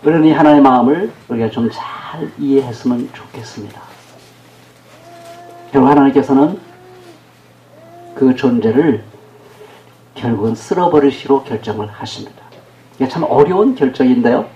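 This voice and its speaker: A pastor preaches a sermon in a church sanctuary, chatting with the congregation, putting questions to them, and acting out quoted speech. His mid-range voice is warm, moderately paced, and full of pauses. The audio is dull, with the echo of a church hall.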